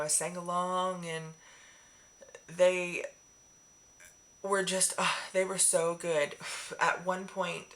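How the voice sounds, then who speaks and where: A woman vlogger chatting casually in a rambling, excitable way with many fillers. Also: deep voice, slight background noise. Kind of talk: casual chat.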